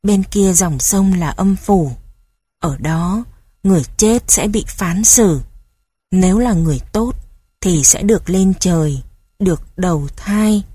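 A woman voicing a stern but caring old grandfather who speaks gravely and with authority. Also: on the low side, measured pace, no room sound. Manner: grave, commanding, gentle with children.

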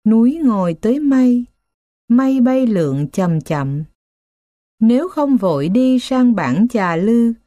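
A woman reads children's stories in a slow, unhurried way. Her voice is mellow and warm, and she keeps a gentle storybook manner. The sound is dry and a little dull. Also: a little high, no room sound. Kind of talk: scripted narration of children's stories.

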